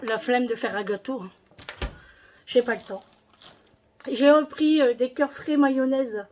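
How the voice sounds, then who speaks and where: A chatty woman vlogger talks through her shopping haul at an unhurried pace, stopping often to hesitate and repeat herself. Her voice sits a little high for a woman. A faint hiss runs under the recording. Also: fairly even intonation. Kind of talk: casual shopping haul chat.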